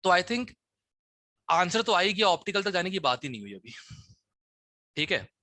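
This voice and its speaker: A man's voice: high voice, big pitch swings, moderate pace, sharp tone, dry recording. A man teaching a chemistry class, explaining test questions and often checking that students follow. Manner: Hinglish teaching, frequent "ठीक है?" checks.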